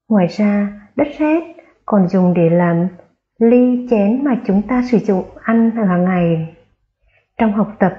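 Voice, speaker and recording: A woman's voice: medium pitch, lo-fi sound. A woman primary school teacher giving a careful phonics lesson to young children, spelling out sounds aloud and stressing key words.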